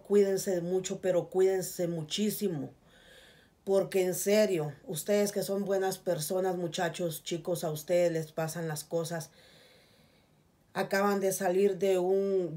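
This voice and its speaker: A middle-aged Guatemalan woman speaks to her camera from a small curtained room, with a somewhat low voice. She pleads earnestly and keeps asking her viewers to take care. Her Guatemalan accent colours a casual, heartfelt vlog delivery. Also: warm tone. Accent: Guatemalan Spanish. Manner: earnest, pleading, repeats "please, guys". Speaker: vlogger.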